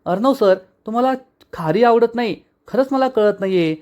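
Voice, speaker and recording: A man voicing a chatty, cheeky young wife who teases and argues in rapid, mock-indignant bursts. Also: on the high side, animated, darkish tone, voice pushed up, lightly acted. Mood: chattering, teasing.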